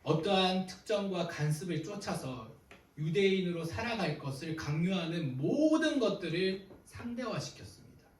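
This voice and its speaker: A young man preaching a sermon to teenagers in a relaxed, conversational way, retelling his own arguments with quoted dialogue. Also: high-pitched, moderate pace, reverberant, distant mic, poor audio. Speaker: youth ministry pastor. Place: church sanctuary.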